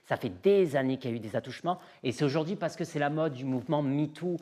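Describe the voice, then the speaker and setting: Fast and dark-toned in a mid-range register, the voice belongs to a confident music artist from southern France being interviewed as a guest. They talk frankly and forcefully, echoing phrases to drive points home.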